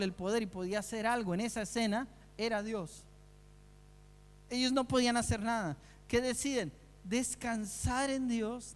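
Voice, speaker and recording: Guy preaching a sermon, pretty high voice, keeps repeating phrases for stress, big echoey church sound. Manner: emphatic, asks the congregation rhetorical questions. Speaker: pastor. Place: church sanctuary.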